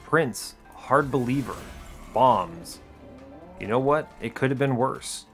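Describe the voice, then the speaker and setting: Slow and lively in intonation, a medium-pitched man hosts a gaming video. He tosses off understated, dry play-by-play remarks in a casual way while music plays underneath.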